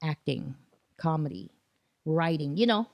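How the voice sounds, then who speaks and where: A woman in her forties, born in Thailand and raised in Los Angeles, chatting as a comedian guest on a podcast, bubbly and quick to laugh. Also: low-pitched, lively intonation, darkish tone, no echo. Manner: bubbly, laughs often, acts out quotes. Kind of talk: casual podcast interview.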